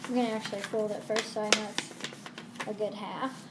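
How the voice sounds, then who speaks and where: A woman's voice: mid-range voice, little pitch movement, normal speed. A woman teaching young children math in the simple, sing-song manner of a kids show host. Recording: roomy echo with faint noise.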